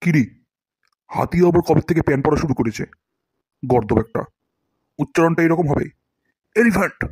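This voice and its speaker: In this cartoon voice acting, a man plays a boastful English teacher who scolds his pupils and theatrically hams up each word he demonstrates. His voice is a little high for a man, slightly rough and a bit mellow, at a moderate pace. The recording is close and dry, with no room sound.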